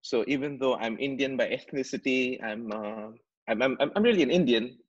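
Speaking over a slightly muffled video call from a home room with plants and shelves, a man in his thirties from Dubai tells his story earnestly as a podcast guest. His mid-range voice is brisk and slightly rough, and he often repeats words while searching for phrasing in this conversational storytelling.

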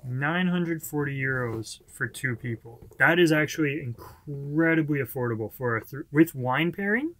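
A man's voice: a little high, animated, fairly bright tone. A young man hosting a reaction video, chatting casually and thinking aloud about what he just watched. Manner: chatty, reflective, drawn-out phrasing. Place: small indoor room with posters.

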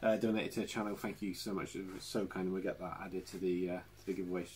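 A man's voice: sits low, level tone, fast, darkish tone, a little hiss or hum. A man hosting a casual live stream from home, chatty and laughing often as he talks to viewers. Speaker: channel host. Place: home living room.

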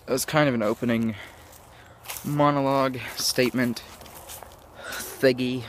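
In a selfie vlog shot on a phone held at arm's length, a teenage boy with congested sinuses rambles in a nasal voice, cracking self-mocking jokes, first outdoors in cold woods and then indoors. His male voice is mid-range and steady, unhurried, with a little hiss or hum in the background.

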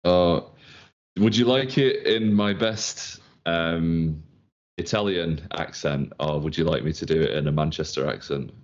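A man's voice: low voice, unhurried. A man hosting a casual livestream chat, friendly and hesitant with many fillers. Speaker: community stream host. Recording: dull lo-fi stream audio.

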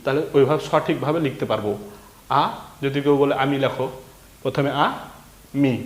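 A man's voice: on the high side, roomy sound. A man teaching a children's reading lesson, patiently breaking words into letters and repeating each one.

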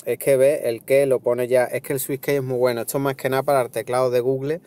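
A man's voice: medium pitch, quick pace, clean tone. A man with a Spanish accent from Spain, hosting a casual tech tutorial and explaining step by step, checking in with his viewers as he goes. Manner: relaxed, explaining step by step with frequent "¿vale?" and "¿veis?". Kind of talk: casual screen-recorded tutorial.

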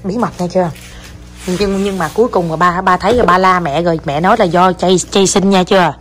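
A mother filming her child chats casually with them at home, coaxing and slowing down to model words for the little one. She has a lowish female voice with fairly even intonation, and faint music plays in the background.

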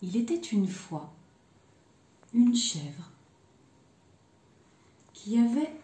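A woman, an early childhood educator, telling a children's tale in a slow, expressive way with hushed phrases. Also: fairly high pitch, slight background noise. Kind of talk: storytelling for young children. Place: daycare room. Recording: echoey room.

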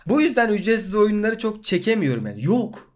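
A man giving loud, joking commentary while playing mobile games. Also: sits high, big pitch swings, a little fast. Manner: loud, jokey, swearing, exclaiming at the game. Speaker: gaming youtuber. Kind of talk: let's play commentary.

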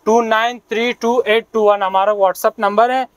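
A man's voice: high voice, fairly even intonation, a little slow. A man with a Pakistani Urdu accent, working as a shopkeeper, patiently explaining his fabrics in a mall clothing shop. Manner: explains goods patiently, repeats product names. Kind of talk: sales pitch to camera.

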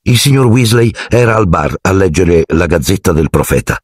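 A man's voice: deep voice, lively intonation, moderate pace, husky, dry recording, studio quality. A man narrating an audiobook expressively and doing the character voices.

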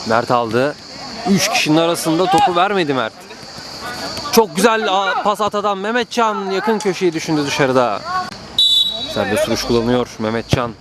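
An excitable man calls a football match live, play by play, his voice climbing into long, drawn-out screams whenever a goal goes in. Background ambience from the noisy outdoor pitch fills the recording.

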